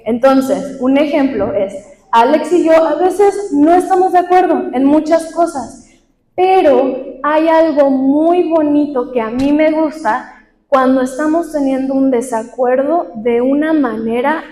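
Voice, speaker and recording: Woman workshop presenter, mellow and fairly high, quizzing her audience in a reverberant hall. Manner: asks the audience questions and acts out examples. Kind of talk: leadership and communication workshop talk. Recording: echoey hall with long reverb.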